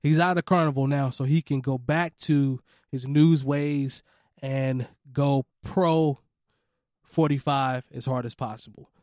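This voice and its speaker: Hoarse, laid-back male podcast host. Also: mid-range voice, fairly even intonation, a little slow, a little mellow, no echo, studio quality. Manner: laid-back, laughs often, slangy. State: hoarse from allergies. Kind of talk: casual podcast chat.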